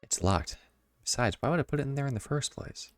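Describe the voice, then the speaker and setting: A man streaming a video game, reading clues aloud and making wry, deadpan quips. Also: medium pitch, fairly quick, no room sound, clean studio sound. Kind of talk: casual gameplay commentary.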